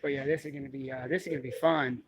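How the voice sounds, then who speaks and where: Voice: mid-range voice, steady tone, very fast, slight background noise. A blunt, insistent person who repeats demands and swears, arguing and commenting confrontationally while filming in a building lobby. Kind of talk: confrontational argument and commentary to camera.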